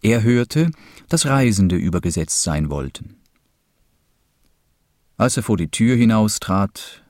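A man narrating a fairy tale in a slow, measured, expressive reading. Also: on the low side, no room sound, studio quality. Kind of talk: storybook narration.

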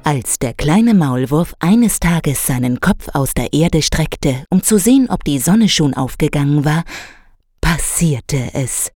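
A woman reads a children's story aloud with a low voice and an unhurried pace. Her telling is measured and expressive, and the close recording is dry. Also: no echo, soft background music.

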